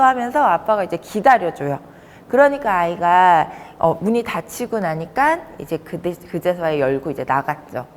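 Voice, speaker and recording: A child development counselor gives a lecture to fathers, telling stories warmly and with lively emphasis. Her medium-pitched voice trails off in a long reverb tail.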